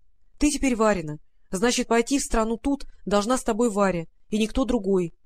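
A woman reading an audiobook, voicing a calm, earnest male fairy-tale friend who explains a worrying trouble. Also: a little high, a little fast, dry recording, close to an everyday voice.

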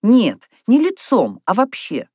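Woman voicing a young storybook girl, eager, high voice, dry close sound. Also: wildly swooping pitch, takes it slowly, mellow, breathy edge, no echo, full character voice. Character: lively chatty young girl, dreamy artist.

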